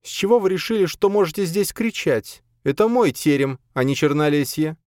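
Storybook figure: commanding lady of the house, read by a male narrator, curt and lively. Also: sits low, moderate pace, no echo, clean studio sound, pitched above the performer's own voice. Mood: stern. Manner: curt, authoritative.

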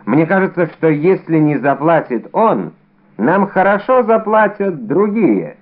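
A man's voice: fairly high pitch, very animated, a little slow, pitched above the performer's own voice. A man reading an audiobook, voicing a bold, cunning young musketeer with a brash, theatrical manner, in a narrow, phone-like recording. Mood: scheming.

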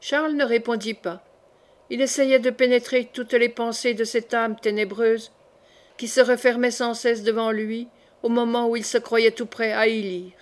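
Female audiobook reader, measured and steady, slightly high voice. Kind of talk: classic novel read aloud.

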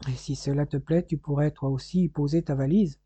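A man's voice: on the high side, steady tone, a little fast, warm tone, slightly rough, no room sound. A man reading as a decisive loving husband. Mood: fatherly. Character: eminent male researcher, loving decisive husband.

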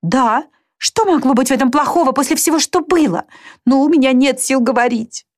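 A woman voicing a distraught young woman who pleads in a high, breaking voice. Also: moderate pace, lightly acted. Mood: pained.

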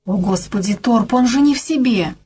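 A woman's voice: fairly high pitch, animated, normal speed, dark tone, slight background noise, pitched above the performer's own voice, natural voice. A woman voicing a frightened young woman who pleads and begs her lover not to go. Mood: pleading. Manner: desperate, pleading, tearful.

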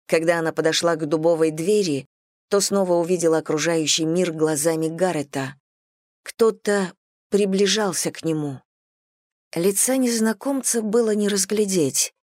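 Woman narrator for a fantasy audiobook, lowish voice, dry close sound. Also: a little mellow, dry recording. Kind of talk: scripted narration.

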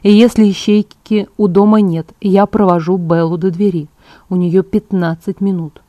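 A woman's voice: medium pitch, fairly even intonation, normal speed, dark tone, no echo, lightly acted. A woman reading an audiobook, voicing a protective young male vampire who gives firm orders. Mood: planning.

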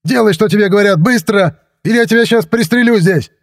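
A man voicing a loud, bossy police sergeant who barks rough, crude threats. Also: fairly high pitch, sing-song, brisk, pitched above the performer's own voice. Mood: barking, threatening.

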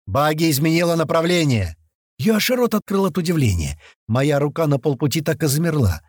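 A man narrating a first-person action audiobook, acting out the crew's shouted lines as he reads. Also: fairly high pitch, brisk, slightly rough, dry recording, clean studio sound. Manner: lively, voices the gang's shouts in character.

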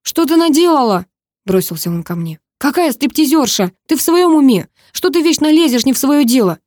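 A woman voicing a hot-tempered young man who shouts accusations at his sister in an audiobook. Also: fairly low pitch, little pitch movement, fast, breathy edge, dry recording, studio quality. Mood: furious.

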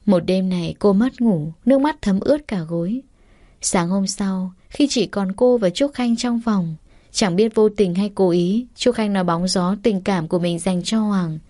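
A woman narrating a romance story aloud in an even, steady reading voice. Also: medium pitch, a little slow, no room sound, studio quality.

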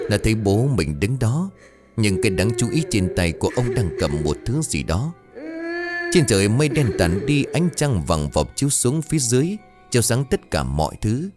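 A man tells a ghost story in a dramatic, expressive reading. His voice sits low but moves widely in pitch. Faint music plays under the narration.

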